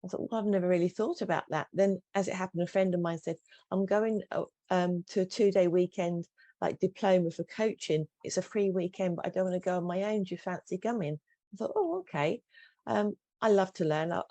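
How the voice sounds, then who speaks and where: A woman's voice: fairly low pitch, mellow, dry recording. A middle-aged woman, a coach telling her personal story candidly and earnestly in an interview. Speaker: guest coach.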